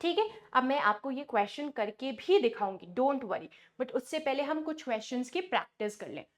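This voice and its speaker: A woman's voice: high voice, sing-song, normal speed. A woman teaching a maths lesson, explaining step by step and asking and answering her own questions. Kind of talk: online class lesson in Hindi-English mix.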